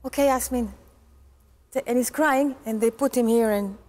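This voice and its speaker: Bright-voiced woman in her forties, earnest. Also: fairly high pitch. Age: 40s. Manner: earnest, laughs often, halting English. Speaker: guest. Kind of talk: casual interview chat.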